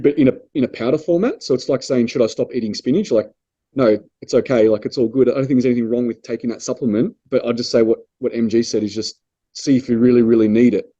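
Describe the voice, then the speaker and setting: Dark husky man, dull lo-fi sound. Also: mid-range voice. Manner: measured, explanatory, answers listener questions. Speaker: prep coach podcast co-host. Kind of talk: casual podcast chat.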